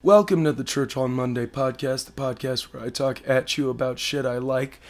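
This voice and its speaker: A man in his twenties with a hoarse, partly lost voice, giving a blunt, sweary podcast update casually to camera at home. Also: mid-range voice, normal speed. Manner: blunt, sweary, self-deprecating. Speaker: podcast host. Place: living room at home.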